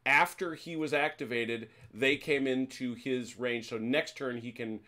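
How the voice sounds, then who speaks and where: A man's voice: mid-range voice, fairly even intonation, unhurried, pushed and bright. A man running a tabletop wargame as game master, explaining rules in a chatty way.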